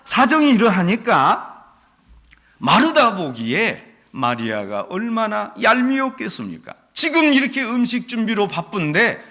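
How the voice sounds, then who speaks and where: A male pastor preaching a sermon, telling stories in an animated way and acting out what people say. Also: sits high, measured pace. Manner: animated storytelling, acts out quotes.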